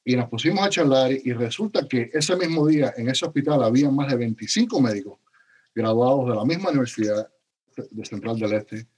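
A middle-aged man from Cuba, a podcast guest, talking in a halting way with many restarts. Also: mid-range voice, darkish tone, slightly rough. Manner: halting, frequent restarts and stammers. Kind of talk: conversational interview.

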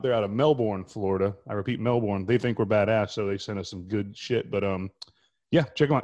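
A man's voice: mid-range voice, a little mellow. An American man co-hosting a podcast in casual, chatty banter. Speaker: podcast co-host.

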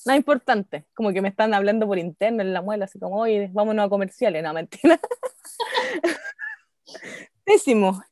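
A Chilean woman spins a funny childhood story for a casual podcast, slangy and animated, jumping between hushed asides and loud shouts through laughter. Her voice is close and dry, with no room sound around it. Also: medium pitch, normal speed, long pauses, dry recording. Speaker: podcast co-host.

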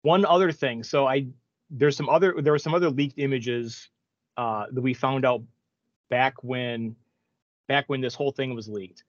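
A man's voice: mid-range voice, moderate pace, no echo, dull audio. A man co-hosting a gaming podcast, talking casually and rambling with many restarts. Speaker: podcast co-host. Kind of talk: casual chat.

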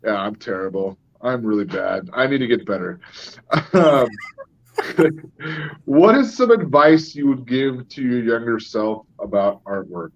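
A man's voice: medium pitch, sing-song, unhurried, dull audio. A man hosting a podcast, candid and self-deprecating, swearing casually. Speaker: podcast host.

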